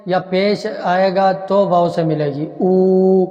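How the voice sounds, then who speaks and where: A man's voice: sits high, steady tone, a little mellow. A man teaching Quran reading step by step, sounding out each letter several times and then explaining patiently. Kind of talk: step-by-step recitation lesson. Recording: dull echoey room recording.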